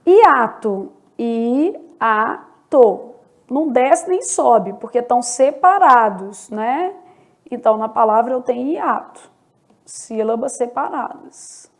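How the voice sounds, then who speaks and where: Gravelly-voiced woman teaching slowly. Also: a little high, expressive. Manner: explains step by step, often checks in with the viewer. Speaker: Portuguese teacher. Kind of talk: online exam-prep lesson.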